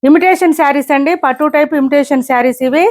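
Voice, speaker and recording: Woman seller, high voice, fast brisk pitch, repeats prices often. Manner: brisk, repetitive price callouts. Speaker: saree seller. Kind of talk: online sales showcase.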